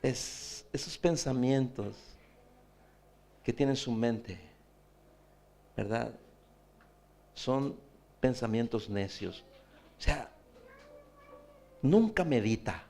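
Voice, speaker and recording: A man's voice: medium pitch, lively intonation, extremely slow, pauses often, mellow. A man, preaching a sermon as pastor, pressing his point with repeated rhetorical questions.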